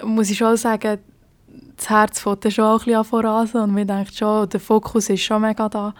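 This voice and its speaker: A young Swiss police officer with a Swiss German accent describes her work in a podcast interview, hesitating and using many fillers. Her voice is medium-pitched and a little mellow, and the recording is dry.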